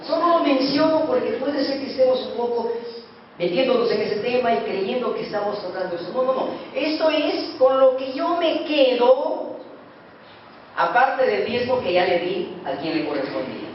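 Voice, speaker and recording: A man preaching a sermon as pastor, swinging between loud emphatic lines and hushed ones. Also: extremely high pitch, expressive, normal speed. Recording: echoey hall from far off, dull and noisy.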